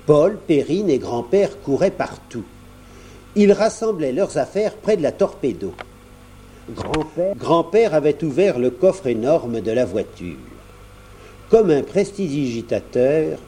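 A man reading a children's story aloud as narrator, in an expressive, lilting way. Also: on the high side, slow pace, slight background noise.

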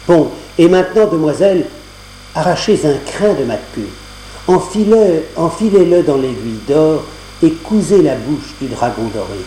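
A man voicing a wise male flying horse, brisk and instructive, on a roomy cassette recording with a faint hum. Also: fairly high pitch, expressive, dark tone, close to an everyday voice. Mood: instructing.

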